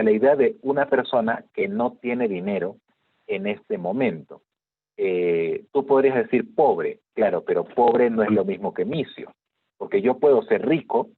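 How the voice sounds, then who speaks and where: A man's voice: medium pitch, no echo. Male teacher, patient explainer on a video call, narrow tinny audio. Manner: explanatory, checks in with frequent "¿de acuerdo?". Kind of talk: online class lecture.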